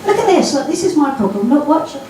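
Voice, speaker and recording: A cheeky East London stand-up comedian does her routine on a comedy stage in a high, sing-song voice, talking fast. She's chatty and addresses the audience directly. The room is echoey, the mic is far off, and the background is noisy.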